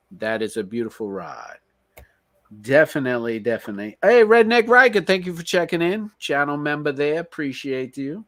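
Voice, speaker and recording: A man with a thick New York accent talks through a live stream in a relaxed, slangy way, giving shout-outs and reading the chat. He sounds tired, and his mid-pitched voice is recorded dry and close. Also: no room sound. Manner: laid-back, slangy, reads chat and gives shout-outs.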